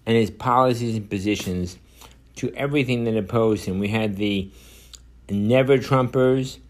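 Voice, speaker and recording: A man's voice: fairly low pitch, moderate pace. A man, hosting a solo podcast in a rambling monologue full of fillers and restarts. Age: 70s. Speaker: podcast host.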